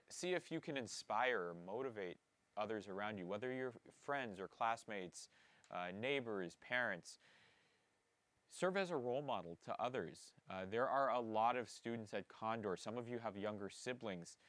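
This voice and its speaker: A man's voice: fairly low pitch, expressive, normal speed, fairly bright tone, dry recording. A middle-aged male school principal addressing students at an assembly, in an earnest, encouraging way, often repeating words for emphasis.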